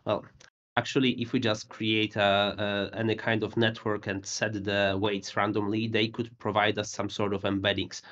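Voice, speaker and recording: A man's voice: fairly low pitch, level tone, moderate pace, fairly bright tone. A man moderating an online panel, thanking speakers and posing long technical questions. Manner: polite, asks long framed questions. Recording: dull video-call audio.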